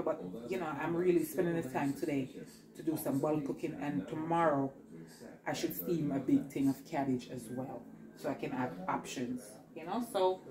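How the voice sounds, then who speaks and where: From her home kitchen, a middle-aged woman vlogs while cooking, chatting and rambling to her viewers. Her voice sits on the low side and sounds reverberant, picked up by a camera on the counter.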